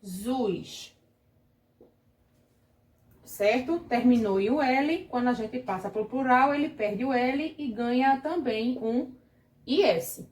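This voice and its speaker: A woman's voice: fairly high pitch, a little mellow, reverberant. A Brazilian Portuguese woman teaching an online grammar lesson to children, patient and explaining step by step while she checks in with the class. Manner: patient, explains slowly, keeps asking the class "certo?". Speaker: primary school teacher.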